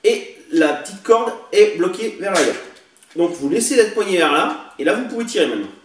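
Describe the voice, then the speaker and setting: A man's voice: sits high, big pitch swings, moderate pace, fairly bright tone. A man casually showing off toy blasters he bought, chatty and hesitant with many fillers, recorded indoors on a camera mic. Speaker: toy collector vlogger. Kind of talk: casual show-and-tell demo. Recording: echoey room, distant mic, faint hiss.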